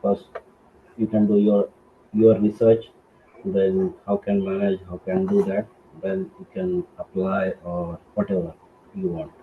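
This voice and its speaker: A man with an Indian accent giving casual advice as a video-call guest, in halting, repetitive English. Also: sits low, flat delivery. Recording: dull, noisy video call audio.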